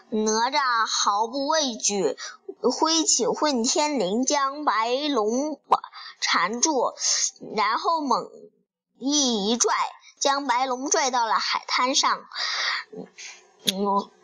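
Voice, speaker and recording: A woman reading a children's story aloud in a halting way, with fillers and restarts. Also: high-pitched, a bit bright, poor audio.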